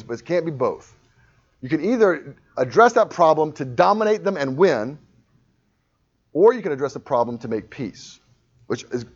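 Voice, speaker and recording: A man's voice: fairly high pitch, a little mellow, highs cut off. A man preaching a sermon in a conversational, self-deprecating way, often restarting and acting out little quotes. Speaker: pastor.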